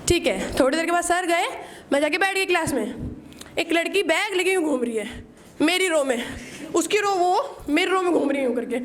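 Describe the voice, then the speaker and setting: A woman's voice: extremely high pitch, expressive, moderate pace, a little hiss or hum. A young woman in her twenties doing a first-time stand-up set, telling self-mocking college stories and acting out her strict teachers. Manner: self-mocking storytelling, acts out teachers' scolding. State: nervous, shaking. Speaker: stand-up comedian. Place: small open-mic stage with audience.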